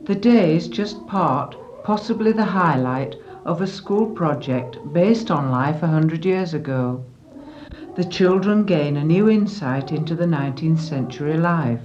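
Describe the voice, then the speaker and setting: A woman with a low-pitched voice gives a prepared explanation as a museum representative. The recording is dull and lo-fi, with clear noise behind her. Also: lively intonation, unhurried, darkish tone.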